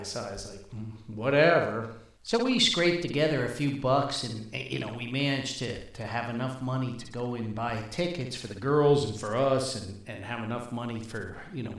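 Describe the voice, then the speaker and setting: The recording sounds very echoey and reverberant as an older podcast host swaps casual stories, rambling in a folksy manner and chuckling along. His mid-range voice has a fairly bright tone.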